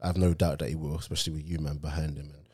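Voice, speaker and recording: A man's voice: rumbling low, little pitch movement, rapid-fire, darkish tone, husky. A man with an urban London roadman accent, chatting casually and slangily as an interviewer. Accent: London, urban street. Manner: slangy, matey. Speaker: interviewer, host. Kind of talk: casual football chat interview.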